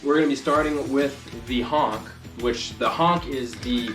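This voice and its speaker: A man with a mid-range voice and measured pace gives a casual, loosely explained hands-on tutorial as a hunting instructor. The mic is distant and the sound echoey, with music playing behind him.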